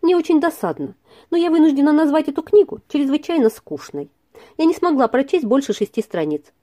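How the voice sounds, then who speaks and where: A woman voicing a lively young lady, Blanche. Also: high voice, a little fast, voice pushed up. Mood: teasing.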